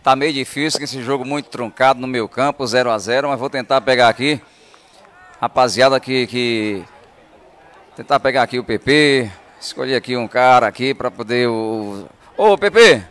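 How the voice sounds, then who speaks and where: A man reporting live from a football pitch into a handheld mic, repeating words as he searches. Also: moderate pace, a bit bright. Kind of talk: live, improvised reporting and interviewing. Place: outdoors on a football pitch at night. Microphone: handheld reporter microphone.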